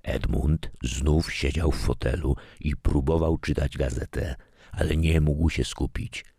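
A man narrating a story in a calm, measured way. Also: extremely low pitch, creaky, slightly rough, no room sound, studio quality. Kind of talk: scripted narration.

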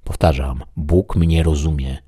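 A man reading as a lofty old knight-errant, deep and husky. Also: fairly even intonation, unhurried, dark tone, no room sound, clean studio sound, heavily acted. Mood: solemn. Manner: solemn, lofty declaiming. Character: elderly deluded knight-errant, grandly earnest. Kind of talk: audiobook reading.

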